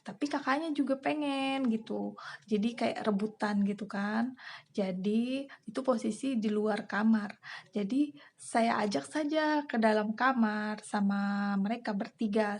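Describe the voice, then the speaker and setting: Woman telling her faith testimony, earnest, slightly high voice with some gravel. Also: darkish tone. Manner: earnest, emotional, many fillers and pauses. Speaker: church member giving testimony. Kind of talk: personal testimony.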